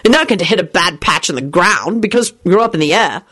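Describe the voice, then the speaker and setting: A woman reader voicing a cheerful, teasing grown man who is a father, lowering her voice a little and keeping it easygoing. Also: expressive, a little fast, fairly bright tone, husky.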